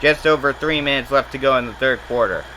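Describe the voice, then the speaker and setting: A man calling simulated basketball play-by-play, rattling off each possession and jumping up in pitch and volume when a shot drops. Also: sharp tone, slight background noise, poor audio. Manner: rapid play calling that rises sharply on made shots. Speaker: play-by-play announcer.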